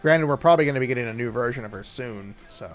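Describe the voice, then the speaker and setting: A man's voice: medium pitch, fast, soft background music. Laid-back male streamer, rambling chat. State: sleepy, yawning. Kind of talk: casual gaming stream chat.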